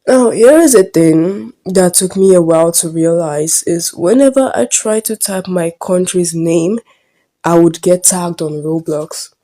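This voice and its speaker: A Nigerian teenage girl with a Nigerian accent telling a casual storytime. Her voice sits a little low and sounds mellow and warm. She rambles and hesitates, often trailing off quietly. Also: a little slow. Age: late teens. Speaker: vlogger.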